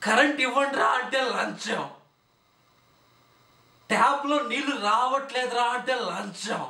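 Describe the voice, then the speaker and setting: A man's voice: very high voice, a little slow, gravelly, pushed and bright, heavily acted. An actor playing a drunk poor man who rants at corrupt politicians, repeating his words for emphasis. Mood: ranting. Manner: ranting, repeating phrases for emphasis. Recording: echoey room, mic at a distance.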